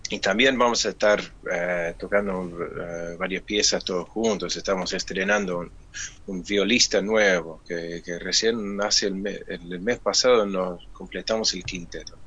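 A man, a musician guest on a radio interview, explaining things in a measured, thoughtful way. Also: low voice, steady tone, a bit bright, slightly rough, dull audio.

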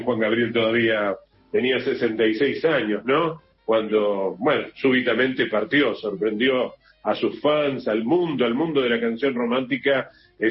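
A man with an Argentine accent hosting a morning radio news show, chatty and relaxed, often repeating and correcting himself. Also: medium pitch, slightly rough. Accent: Argentine Spanish. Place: radio studio. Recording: slightly muffled radio broadcast with faint hiss.

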